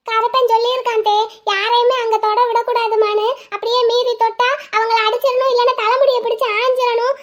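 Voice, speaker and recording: A woman voicing a naive young girl bride in a cartoon, chattering in a shrill, breathless way. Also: fairly bright tone. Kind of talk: cartoon voice acting.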